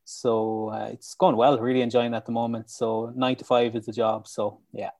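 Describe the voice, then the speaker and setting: A man's voice: mid-range voice, flat delivery, moderate pace, a little mellow, no room sound, clean studio sound. An Irish man chatting casually as a podcast guest, upbeat and earnest. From County Clare, Ireland. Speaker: podcast guest, mental health educator. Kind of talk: casual interview chat. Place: room at home, on a remote call.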